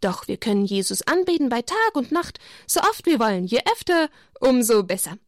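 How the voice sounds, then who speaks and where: A devout mother from a storybook, read aloud by a woman instructs children in prayer. Her delivery is firm, earnest and instructive. The voice is fairly high and sits close and dry. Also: big pitch swings, moderate pace, no echo. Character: warm pious mother teaching children.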